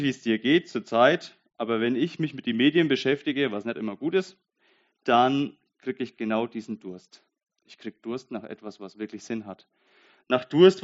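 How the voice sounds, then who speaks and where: A young man preaching a sermon in an earnest way, dropping to a soft, intimate voice and then rising to loud, emphatic bursts. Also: medium pitch, lo-fi sound. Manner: reads Bible verses aloud.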